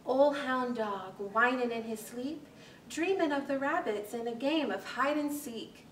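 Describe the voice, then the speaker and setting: A high-pitched woman in her thirties, working as a librarian, reads a rhyming picture book to the children's corner of a small library, her delivery expressive, animated, measured and rhythmic. Captured by a camera a few metres back, the audio is echoey with faint hiss.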